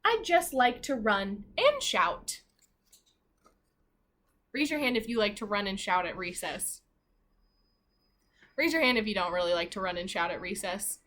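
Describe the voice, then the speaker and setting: A primary school teacher reads a children's book to her pupils in a mid-range, somewhat bright and very animated voice. She goes a little slowly with long pauses, reading expressively and mixing in chatty asides and direct questions to the children.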